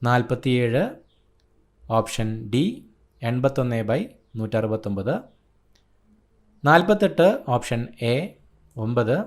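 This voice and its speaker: A man's voice: mid-range voice, slow pace, long pauses. A man from Kerala, an exam coaching tutor, reading out an answer key in short, clipped phrases. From Kerala, India.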